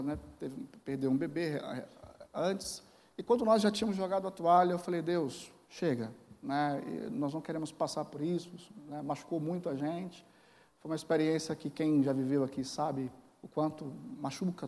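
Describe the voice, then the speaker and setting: A man's voice: fairly high pitch, a little mellow. A man in his forties with a Brazilian Portuguese accent, preaching a sermon as a pastor and telling a personal story with acted dialogue and emotional swings. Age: 40s. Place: large church hall. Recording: church hall with long reverb.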